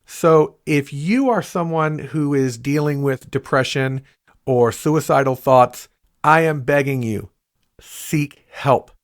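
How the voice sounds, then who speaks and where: A man hosts a podcast, thanking his guest and then reading earnest announcements. His voice sits a little high, and he sounds sincere. The recording is dry and close. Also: no echo. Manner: earnest, pleading when giving the hotline. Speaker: podcast host. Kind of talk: interview and scripted announcements.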